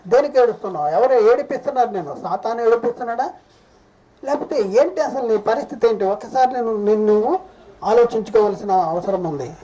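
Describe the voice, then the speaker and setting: A male preacher from India giving a sermon, pressing his listeners with repeated rhetorical questions, speaking in halting bursts with pauses and restarts. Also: very high voice, warm tone, low-quality recording. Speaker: preacher and Bible teacher.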